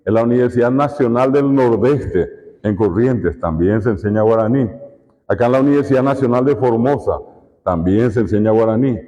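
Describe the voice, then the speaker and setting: A man's voice: medium pitch, normal speed, warm tone. A man with a Paraguayan Spanish accent giving a conference lecture as a university lecturer, explaining with repeated examples and rhetorical questions. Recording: echoey hall, dull lo-fi sound.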